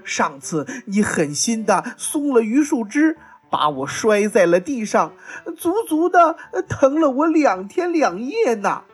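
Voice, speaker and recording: A woman's voice: on the high side, sing-song, unhurried, slightly rough, soft background music, voice pushed up, heavily acted. Woman putting on a sly, scornful big wolf. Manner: sly, scornful, then menacing.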